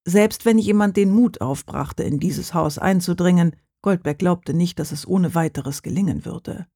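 A husky, slightly breathy voice reads a crime novel calmly and steadily. The sound is dry and close, with no room around it. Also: mid-range voice, moderate pace, no echo. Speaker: audiobook reader.

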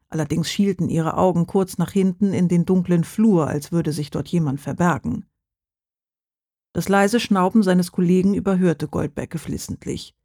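Husky, dry audiobook narration. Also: mid-range voice, mellow, dry recording. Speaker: audiobook reader. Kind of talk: crime novel narration.

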